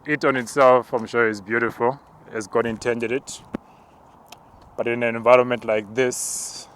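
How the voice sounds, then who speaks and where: A man preacher walking outdoors and narrating spiritual visions in a hushed, halting, contemplative way. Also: mid-range voice, level tone, a little hiss or hum. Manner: slow, hushed, halting and contemplative, with tongues-like words. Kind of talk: spoken prayer walk, narrated visions.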